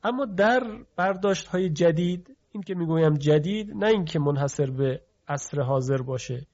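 A man's voice: on the high side, lively intonation, darkish tone. A man teaching pronunciation of letters in a lecture, stretching out key terms and asking rhetorical questions. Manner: explanatory, drawn-out emphasis on key terms, asks rhetorical questions. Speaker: teacher of Quran recitation phonetics. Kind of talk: classroom lecture. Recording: dull lo-fi recording.

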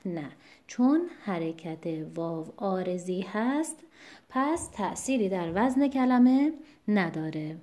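Woman giving a recitation lesson, warm low tone, explains patiently, slows down for examples. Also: lively intonation. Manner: politely formal greetings. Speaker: Quran recitation teacher. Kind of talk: online lesson lecture.

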